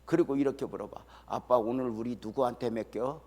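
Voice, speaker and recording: An older man, a retired pastor, preaching an early-morning sermon in a folksy storytelling way that swings from soft to loud. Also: medium pitch, steady tone, a little fast, long reverb tail. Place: church sanctuary.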